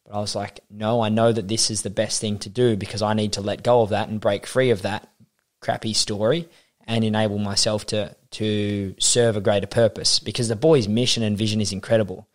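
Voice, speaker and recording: Australian man telling lively stories. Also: lowish voice, brisk. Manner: animated storyteller acting out quotes. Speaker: podcast guest, identity coach. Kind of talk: casual interview chat.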